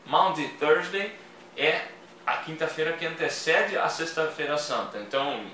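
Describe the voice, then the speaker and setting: Bright, slow-talking man teaching English. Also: on the high side, a little hiss or hum. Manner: chatty, repeats words slowly for learners. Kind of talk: casual video lesson. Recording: echoey room, voice from a distance.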